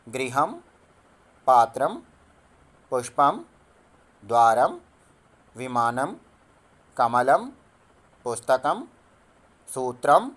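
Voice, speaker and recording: A male teacher giving a screen-recorded school lesson, reading lines slowly and deliberately, translating each one and spelling words out piece by piece. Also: medium pitch. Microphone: phone screen recorder.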